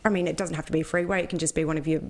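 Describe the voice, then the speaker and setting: A woman's voice: sits low, steady tone, very fast. An Australian woman co-hosting a motorsport podcast, chatting casually and rambling with restarts. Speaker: podcast co-host. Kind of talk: casual chat.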